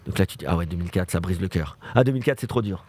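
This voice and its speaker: A Frenchman in his thirties who presents a football show chats casually on a livestream, telling stories and repeating phrases for emphasis. His voice sits low and sounds dark and husky, animated and racing, with no echo.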